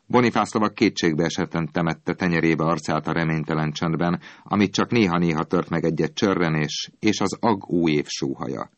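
A man tells a storybook tale in an expressive, dramatic way. His voice sits very low. The recording is dry and close, with no room sound. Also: few pauses, no echo, muffled recording. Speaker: narrator. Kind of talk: storybook reading.

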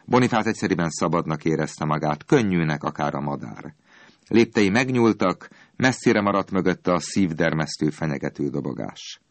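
Deep-voiced man reading a storybook. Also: lively intonation, dry recording. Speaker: narrator.

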